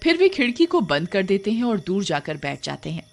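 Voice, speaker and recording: Speaking fairly quickly in a sing-song, medium-pitched voice with some vocal fry, a woman dramatically narrates a scripted cartoon horror tale. Loud music plays underneath.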